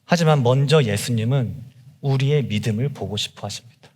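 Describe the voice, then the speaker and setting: A young adult man preaching a sermon as a junior pastor, emphatic and impassioned, rising to cries then dropping low. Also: brisk, darkish tone, long reverb tail. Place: church sanctuary.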